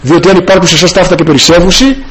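A man's voice: fairly even intonation, husky, poor audio. A man preaching a sermon with passion, breaking into hallelujahs. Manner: impassioned, rising and falling pitch, many hallelujahs.

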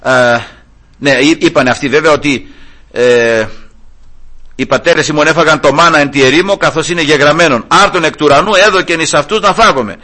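With fervor, a middle-aged preacher recounts scenes from scripture, acting out the quotes and moving from loud, high pleading down to quiet murmurs. His tone is sharp.

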